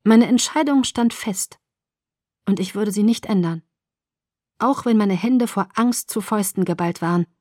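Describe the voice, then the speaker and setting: A woman reading a story in first person with a measured, intimate delivery. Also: mid-range voice, darkish tone, dry recording, clean studio sound. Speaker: audiobook narrator. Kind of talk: scripted first-person narration.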